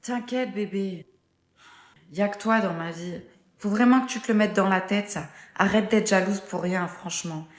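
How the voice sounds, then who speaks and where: A woman's voice: medium pitch, moderate pace, close to an everyday voice. A woman's voice as dismissive slangy boyfriend, echoey. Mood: cajoling. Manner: slangy, blunt. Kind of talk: scripted text-to-speech story dialogue.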